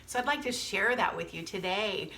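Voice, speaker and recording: A woman's voice: mid-range voice, normal speed, bright, forceful tone, a little hiss or hum. A woman speaking as a youth group leader, giving an informal, earnest sermon message and addressing her listeners directly.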